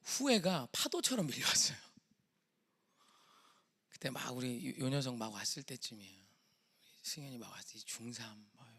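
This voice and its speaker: Korean guy pastor preaching, bright sharp voice, gets loud and pleading. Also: mid-range voice. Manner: impassioned, rising to pleading cries. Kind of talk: sermon.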